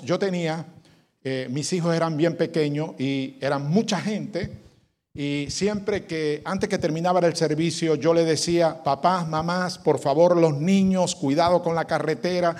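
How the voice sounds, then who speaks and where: A man preaching a sermon as pastor, leading shouted call-and-response lines and then telling a story. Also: fairly high pitch.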